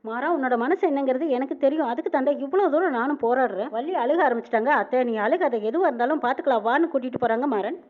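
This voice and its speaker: High-voiced woman rattling off a serial recap, tinny phone-line sound. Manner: rapid, with a reporting tag after each quoted line. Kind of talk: fast retelling of a TV serial episode, quoting every character. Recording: narrow phone-like band.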